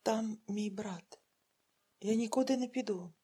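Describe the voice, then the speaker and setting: A woman voicing a grieving older man who pleads with his brother, in her husky audiobook voice. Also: high-pitched, a little slow, mellow. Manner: pleading, sorrowful.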